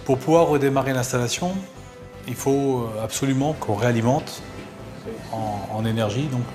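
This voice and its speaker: Male technician interviewee, brisk pace, mid-range voice, music behind. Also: medium pitch. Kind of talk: explanatory interview. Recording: music under the voice.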